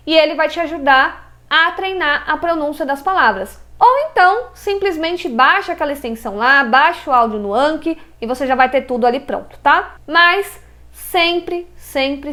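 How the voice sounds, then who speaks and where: A woman's voice: sits high, a bit bright. A young Brazilian woman teaching an online lesson, giving direct, encouraging instructions step by step. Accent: Brazilian Portuguese. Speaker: English teacher.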